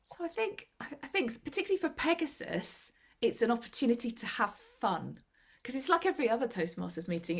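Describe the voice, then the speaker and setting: A woman speaking over a laptop video call, chatting easily and sharing practical tips. She laughs often and acts out little quotes from her own experience. Her pitch sits in the middle. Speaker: club member giving tips. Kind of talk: casual video call chat.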